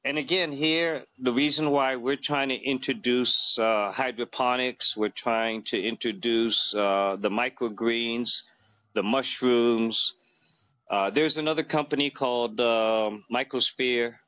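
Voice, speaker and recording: In a small room, a phone close to his face records a man in his fifties giving a rambling, filler-heavy casual interview as the guest. His mid-range voice is unhurried and smooth, with fairly even intonation and a fairly bright tone. There's no echo, but the sound is lo-fi.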